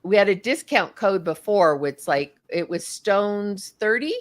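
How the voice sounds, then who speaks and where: A woman's voice: medium pitch, expressive, measured pace, no room sound. A woman hosting an online talk show, chatty and effusive, with many ums. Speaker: host.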